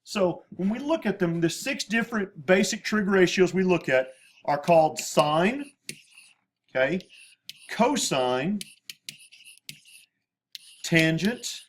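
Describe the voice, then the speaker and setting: Speaking slowly with frequent pauses, this math teacher has a high, lively voice as he lectures at the whiteboard. He patiently goes over terms again and spells out abbreviations, with slight background noise in the room.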